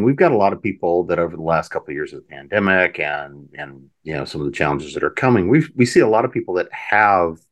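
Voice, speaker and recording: Male podcast host, very low voice, easygoing and rambling. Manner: rambling, reflective, repeats words as he starts sentences. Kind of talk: casual podcast conversation.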